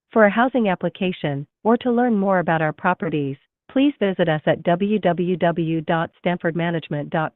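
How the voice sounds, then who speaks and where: A woman's voice: fairly low pitch, dry recording. Woman's recorded phone menu voice, tinny. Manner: slow, measured, polite announcing. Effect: recorded automated phone menu. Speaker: automated phone system voice. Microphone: heard through a phone call. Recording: tinny dry phone line.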